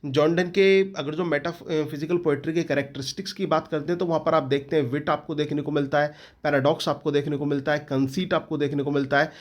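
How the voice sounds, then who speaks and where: A man's voice: a little high, steady tone, a little fast, hardly any pauses. A man with an Indian accent who teaches English literature, giving an exam-prep lecture and often repeating questions back to his students.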